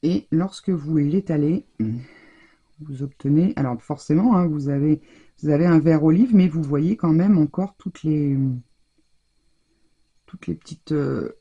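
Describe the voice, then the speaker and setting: A craft tutorial host with a deep, dark, husky voice talks to viewers at a measured pace while she works, pausing often. She regularly restarts sentences and trails off, and the recording's high frequencies are cut off.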